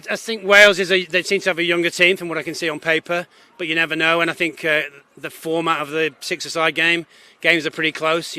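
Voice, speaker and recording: Male coach, slightly high voice, going hoarse, upbeat, post-match interview. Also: bright, forceful tone. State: losing his voice. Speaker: head coach.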